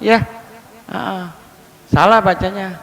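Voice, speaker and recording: A man preaching a lively, humorous sermon, joking with and questioning his congregation. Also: high voice, slow, gravelly, big-room sound, poor audio.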